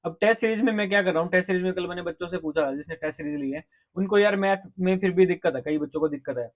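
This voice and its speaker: A fast, rapid-fire man, speaking as a coaching teacher. His voice sits a little high for a man. He gives blunt exam advice and keeps checking that his students are following. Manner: direct, repeats "ठीक है?" to check in. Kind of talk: casual advice lecture to students.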